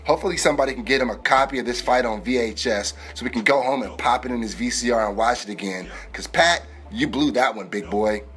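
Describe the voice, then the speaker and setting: A man's voice: medium pitch, fast, hardly any pauses. A man hosting a podcast, reading a scripted comedic sports news monologue in a slangy, wisecracking way. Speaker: podcast host. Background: music bed.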